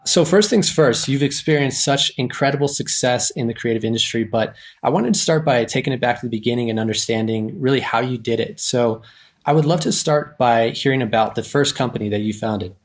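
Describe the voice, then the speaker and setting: A man's voice: medium pitch, brisk. A man hosting a podcast, reading an upbeat introduction and asking interview questions. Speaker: podcast host.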